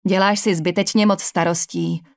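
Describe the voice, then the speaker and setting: A woman's voice: on the low side, steady tone, gravelly, no echo, studio quality. Woman doing a young male soldier, cheerful, teasing, light joking banter, Czech accent, audiobook.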